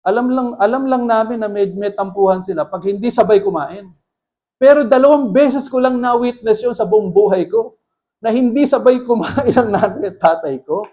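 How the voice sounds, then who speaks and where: A man's voice: high-pitched, moderate pace, dark tone. A man preaching as pastor, mixing Tagalog and English and putting rhetorical questions to the congregation. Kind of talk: sermon.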